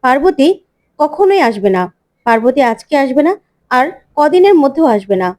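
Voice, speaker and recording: Cagey young groom read by a woman, high voice, mellow tone, calm replies. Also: moderate pace.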